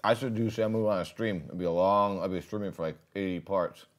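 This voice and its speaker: A man's voice: low voice, fairly quick. A man casually chatting with his viewers while playing a game on a livestream, rambling and laughing often. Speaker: streamer.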